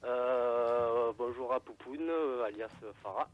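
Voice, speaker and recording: A man's voice: medium pitch, slow pace. A young man, calling into a radio show over a crackly phone line, hesitant and full of fillers. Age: young adult. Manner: hesitant, many fillers, struggles to hear.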